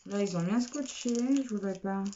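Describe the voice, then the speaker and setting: A woman vlogger chatting casually as she unboxes craft kits, repeating words and filling pauses with little asides. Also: medium pitch, mellow. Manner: chatty, repeats words, many "alors" fillers. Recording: dull lo-fi recording with faint noise.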